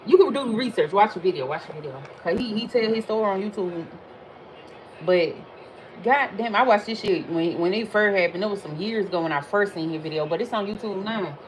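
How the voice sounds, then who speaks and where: A woman, chatting casually while reading tarot cards, animated and swearing freely. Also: medium pitch, a little fast, slight background noise, poor audio. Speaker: tarot reader. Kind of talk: casual livestream chat.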